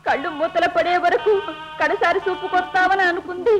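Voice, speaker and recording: Tender aunt, high voice, soothing, tearful, old film drama, music behind. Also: female voice, steady tone, moderate pace. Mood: tearful comfort. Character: tender village aunt, middle-aged woman. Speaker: aunt comforting children.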